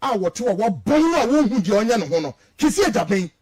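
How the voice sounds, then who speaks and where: As a guest commentator on the radio, this Ghanaian man delivers heated political commentary in English and Twi with a very high, widely swinging, darkish voice. He's very animated and fast, combative and indignant, emphatic, and hammers his points through repetition.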